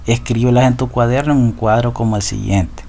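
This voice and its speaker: This recorded lesson features a man with a Central American Spanish accent whose voice is medium-pitched, warm and creaky, with fairly even intonation and a brisk pace. He patiently goes over rules again and again, often asking ¿verdad? to check on his students.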